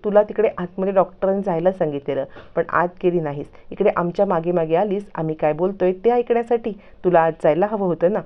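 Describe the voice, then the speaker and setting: A woman voicing a scheming middle-aged mother who scolds and plots in a sharp tone. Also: fairly low pitch, fast, few pauses, phone-quality sound, natural voice. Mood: scolding.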